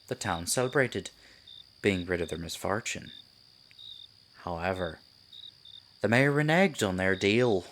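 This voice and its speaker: A man playing a sinister, silky Pied Piper in an ASMR roleplay, a theatrical storyteller who coaxes and condescends with deliberate delivery. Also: lowish voice, fairly bright tone, a little hiss or hum. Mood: storytelling, ominous. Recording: night insects and forest ambience behind. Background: crickets, night forest ambience.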